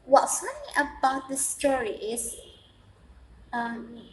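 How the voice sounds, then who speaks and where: Female storyteller, non-native English with a thick foreign accent, unhurried casual delivery, echoey room recording. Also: high-pitched, very animated, a little mellow. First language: not English. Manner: halting, repeats phrases for emphasis. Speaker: vlogger telling a story. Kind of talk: casual rambling monologue. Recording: echoey room, faint background noise.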